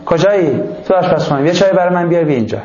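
A man acting out a stern, grumbling middle-aged father in a gruff, bossy way. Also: high voice, darkish tone, echoey room, dull audio, a little hiss or hum, lightly acted.

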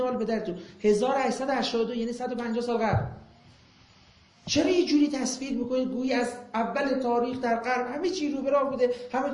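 A man's voice: very high voice, a little mellow. Man ranting at a crowd, lots of sarcastic questions, echoey hall. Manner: impassioned, rhetorical questions, mocking. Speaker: lecturer. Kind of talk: public talk with Q&A. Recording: echoey room.

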